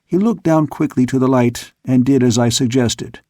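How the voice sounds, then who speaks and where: A man narrating an audiobook in a steady storytelling manner. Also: medium pitch, moderate pace, dry recording, studio quality. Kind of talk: scripted narration.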